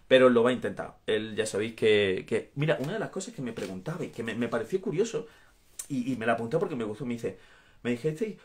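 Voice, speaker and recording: This is an actor in his thirties, Andalusian-accented and from Andalusia in Spain, casually chatting with fans on a live stream from a small home room. His voice is medium in pitch, and he's warm and talkative, reading out viewer comments, laughing frequently, and gesturing throughout. The mic is a phone or webcam at arm's length.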